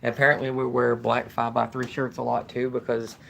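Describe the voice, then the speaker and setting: Gravelly monotone man chatting. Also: medium pitch, fairly quick, a little hiss or hum. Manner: monotone, rambling with fillers. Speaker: fishing channel host. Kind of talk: casual live stream chat.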